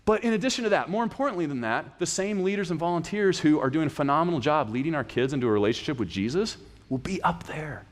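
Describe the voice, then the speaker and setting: Lively pastor preaching in a reverberant hall. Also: male voice, a little high, quick pace. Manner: animated, casual, restarts phrases. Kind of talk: conversational sermon. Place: church sanctuary.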